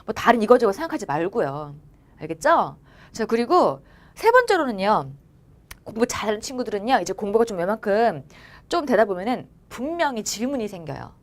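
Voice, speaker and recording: A woman's voice: mid-range voice, sing-song, a little fast. A young woman teaching at a cram school, giving a motivational talk to exam students and coaxing them along with frequent check-ins. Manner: coaxing, often asks "알겠죠?" and acts out students' and teachers' lines. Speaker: academy teacher.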